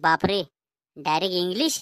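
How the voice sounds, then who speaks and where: A woman's voice: fairly low pitch, lively intonation, normal speed, loud music behind the voice, natural voice. A woman voicing a cheeky, mocking young grandson in a cartoon comedy, with a Vidarbha Marathi accent and a teasing way of talking.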